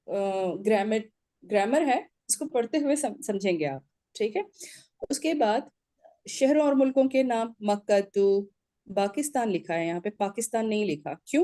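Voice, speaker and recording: A woman's voice: mid-range voice, mellow, no room sound, clean studio sound. A woman teaching an Arabic grammar lecture, explaining step by step, drilling word endings aloud and checking in often with short confirmations.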